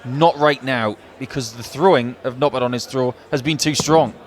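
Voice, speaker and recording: A man's voice: mid-range voice, normal speed. A man giving analytical, chatty live commentary as a darts co-commentator. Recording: crowd noise behind commentary. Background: darts crowd.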